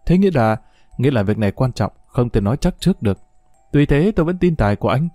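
A man's voice: mid-range voice, sing-song, fast, warm tone, dry recording, faint music behind. A man voicing a puzzled young male journalist who asks earnest questions.

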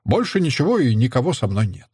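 A man reading aloud, voicing a jovial middle-aged soldier uncle who teases his young nephew in a hearty, lively way. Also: mid-range voice, fast talker, slightly rough, no room sound, clean studio sound. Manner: hearty, teasing.

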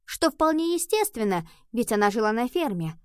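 A woman's voice: on the high side, moderate pace, smooth, no echo, clean studio sound, voice pushed up. Woman voicing an eager schoolgirl. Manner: eager, lively storytelling. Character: eager schoolgirl telling a tale.

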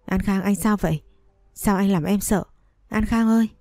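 A woman's voice: mid-range voice, normal speed, dark tone, no echo, studio quality, lightly acted. A woman voicing an upset young wife who speaks sharply and tearfully in a read-aloud story. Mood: panicked. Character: hurt, angry young pregnant wife.

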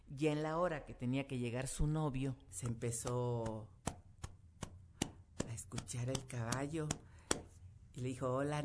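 A woman radio host telling a folk tale lively, speaking straight to her listeners. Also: a bass voice, slight background noise. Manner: lively, addresses listeners directly.

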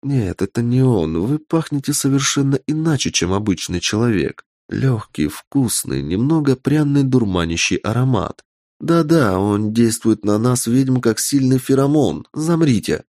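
A man voicing a young witch girl in a raised, lively voice, curious and quick to take fright. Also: medium pitch, no echo, studio quality, pitched above the performer's own voice. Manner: curious, then easily frightened.

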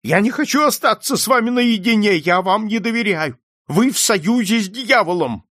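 A man's voice: animated, moderate pace, fairly bright tone, no echo, studio quality. A man voicing a frail, paranoid old man who is terrified and suspicious of everyone, in an audiobook reading. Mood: frantic. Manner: shrill, pleading, frantic.

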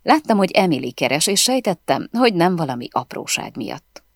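A woman with a low voice reads a first-person novel aloud, her pitch rising and falling freely as she tells the story. The recording is close and dry, with no room echo. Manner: expressive, storytelling delivery. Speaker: audiobook narrator. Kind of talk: first-person audiobook narration.

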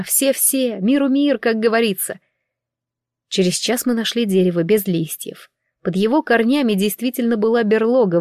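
A woman narrating a first-person fantasy audiobook in a wry, even storytelling manner. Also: mid-range voice, dry recording, clean studio sound. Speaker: audiobook reader.

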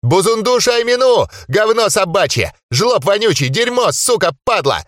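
A stocky gnome gang boss in a screaming rage, as a man puts him on, his voice pushed well above the reader's own pitch and swinging wildly. He spits out curses and splutters. The sound is close and dry. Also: sing-song, moderate pace, fairly bright tone, dry recording. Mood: cursing.

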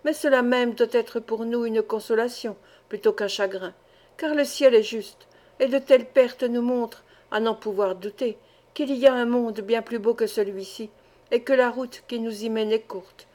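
A woman voicing a tender, grave elderly aunt in a storybook reading, solemn and gently reproving. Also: a little high, moderate pace, lightly acted.

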